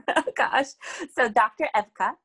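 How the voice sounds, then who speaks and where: A woman's voice: fairly high pitch, unhurried, bright, forceful tone, husky. A woman from the Czech Republic, a physician and mother, talking emotionally and often laughing as a podcast guest. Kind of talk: casual podcast conversation.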